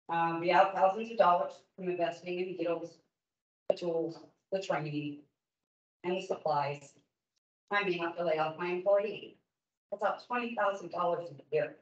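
The speaker is a woman in her fifties who works as an esthetician in Oregon, pressing her point earnestly during public comment to a licensing board. Her pitch is low and a touch mellow. Heard through a distant room mic in a large hall, the meeting audio is dull and roomy.

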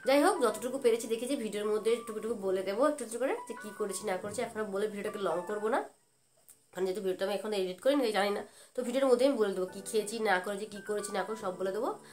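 A young adult woman vlogging casually from home, talking in a quick, rambling, chatty way as she shows what she bought. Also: medium pitch, a little mellow, faint music behind. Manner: rapid, chatty, rambling talk. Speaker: lifestyle vlogger. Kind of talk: casual home vlog chat. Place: indoors at home, fan running.

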